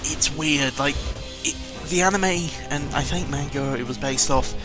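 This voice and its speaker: Speaking unhurriedly in a somewhat high voice, a gaming vlogger rambles through a casual audio log while music plays. He is hesitant and meandering, grumbling, voicing blunt opinions, and swearing mildly.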